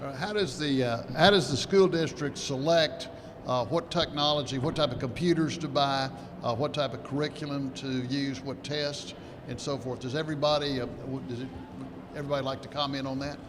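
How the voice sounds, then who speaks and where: A man's voice: medium pitch, steady tone, a little fast. A man hosting a conference interview, chatty and joking. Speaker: host. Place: conference hall, indoors. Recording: noisy reverberant hall.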